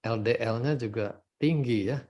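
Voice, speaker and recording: A man with an Indonesian accent hosts a testimonial livestream, where he is addressed as doctor, conducting a conversational interview with follow-up questions and restatements of the answers. His mid-range voice is unhurried and darkish in tone.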